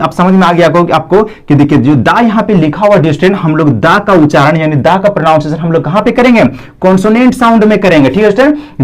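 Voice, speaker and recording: A young man teaching an English grammar lesson, repeating his fillers and addressing the students again and again. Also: high-pitched.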